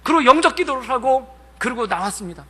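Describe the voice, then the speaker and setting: High, bright-voiced Korean pastor in a reverberant church. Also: male voice, quick pace, breathy edge. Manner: animated storyteller, acts out crowd chants. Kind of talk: sermon with a personal story. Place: church sanctuary.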